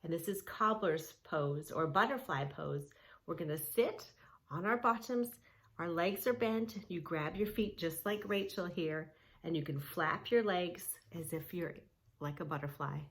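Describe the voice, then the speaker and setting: A woman with a fairly low, slightly bright voice reads a story aloud at a measured pace while leading preschoolers through yoga poses. She keeps her words simple and encouraging and speaks directly to the child.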